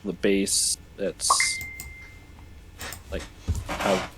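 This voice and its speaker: A man running a tabletop game as game master, relaxed and laughing often, with hesitant fillers. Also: deep voice, very slow, noisy background.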